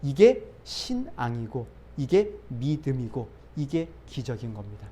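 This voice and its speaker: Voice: mid-range voice, very animated, measured pace, warm tone, slight background noise. A pastor preaching a sermon, asking rhetorical questions and answering them, building emphasis by repeating phrases. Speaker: pastor who planted a church.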